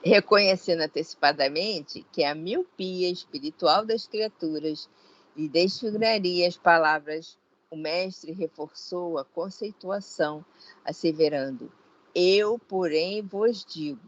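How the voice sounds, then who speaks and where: Slow, measured Brazilian woman reading aloud. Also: lowish voice, highs cut off. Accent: Brazilian Portuguese. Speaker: study group reader.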